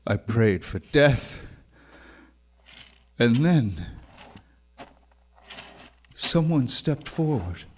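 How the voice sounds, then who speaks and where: A solemn, slow-speaking galley slave. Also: male voice, medium pitch, sing-song, slight background noise. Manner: solemn, measured. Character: grim, suffering galley slave recounting his ordeal, vengeful. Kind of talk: dramatic first-person narration. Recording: loud music bed with guitar.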